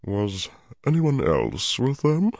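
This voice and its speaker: Man voicing a big rumbly Ogier, swoopy lively pitch, flustered and earnest, dry close audiobook read. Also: measured pace, no room sound. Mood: dismayed. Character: huge gentle male Ogier, bookish and excitable. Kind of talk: audiobook character voice.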